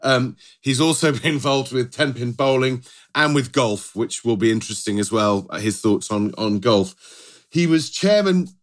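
A man's voice: mid-range voice, expressive, normal speed. A middle-aged British man co-hosting a podcast in a conversational style, often rephrasing as he goes. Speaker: podcast co-host.

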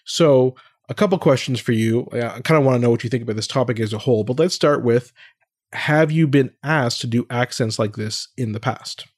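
A man's voice: medium pitch, a little fast, darkish tone, no echo. Casual male interviewer, dry sound. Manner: casual and hedging.

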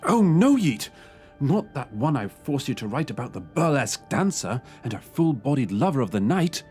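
A man's voice: medium pitch, very animated, normal speed, darkish tone, faint music behind, close to an everyday voice. A man playing a pompous, scatterbrained detective in a comedy audio drama, delivering his lines with theatrical flair. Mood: pompous dotty. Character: pompous, dotty male detective.

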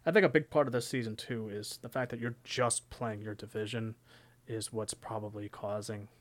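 A man's voice: fairly low pitch, steady tone, moderate pace. A young man co-hosting a sports podcast, talking casually and rambling with lots of "you know". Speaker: podcast co-host.

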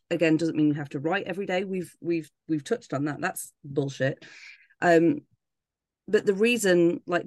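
Female co-host. Creaky mid-pitched voice, informal emphatic chat, very dry sound. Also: a little mellow, no echo. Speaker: podcast co-host. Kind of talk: casual podcast chat.

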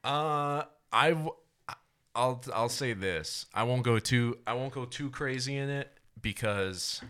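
Bright-voiced young man rambling on a podcast. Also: medium pitch, slow pace, clean tone. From United States. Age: 20s. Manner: rambling, swearing, laughs often, restarts sentences. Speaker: podcast co-host. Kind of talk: casual podcast debate.

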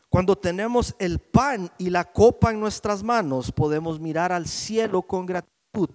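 A man preaching a sermon, rising to loud emphatic lines and dropping to hushed prayerful words, often asking his listeners "right?". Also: fairly high pitch, in a large hall. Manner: preaching with swells of volume and hushed prayerful drops; checks in with the audience with frequent "¿sí?". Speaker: pastor.

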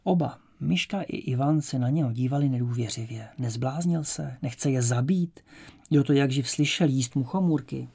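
A man narrating an audiobook in a measured, even storytelling manner. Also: medium pitch, vocal fry, slightly rough.

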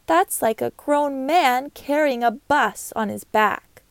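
A woman voicing a strong, busy female worker ant in a storybook, brisk and matter-of-fact. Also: high-pitched, creaky, smooth, no echo, heavily acted. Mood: proud.

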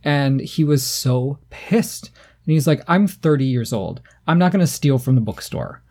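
Unhurried and medium-pitched, a man in his thirties chats casually as a podcast co-host. His storytelling is animated, with a playful, irreverent streak.

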